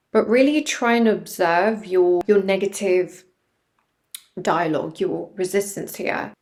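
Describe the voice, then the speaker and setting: A woman giving informal, direct advice to viewers, emphatic and fond of rhetorical questions, recorded in an echoey room at home. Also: on the low side. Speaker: video creator giving self-development advice.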